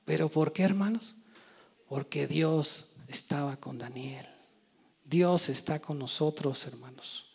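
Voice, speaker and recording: Male preacher, emphatic sermon delivery, voice on the higher side. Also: takes it slowly, gravelly, husky. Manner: emphatic with frequent rhetorical "¿sí?" and "hermanos". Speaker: church preacher.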